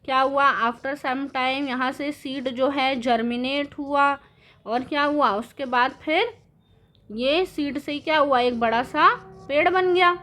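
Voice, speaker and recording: Bright high-voiced woman teaching science. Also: fairly even intonation, takes it slowly, faint music behind. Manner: asks the class questions and answers them herself; mixes English terms into Hindi. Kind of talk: classroom lesson explaining with drawings.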